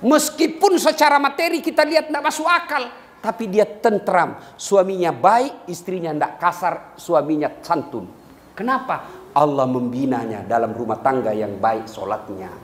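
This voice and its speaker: A man preaching a humorous sermon to a live audience, swinging between loud and low and breaking into song for laughs. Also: expressive, moderate pace. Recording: echoey live hall with faint noise.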